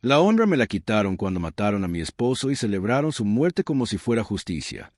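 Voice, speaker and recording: A stern widow of the tribe, proud and commanding, voiced by a male narrator. She speaks slowly and gravely, each word weighed like a verdict. The storybook reading is dry and close, with a lively rise and fall. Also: on the low side, no echo. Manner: slow, grave, measured.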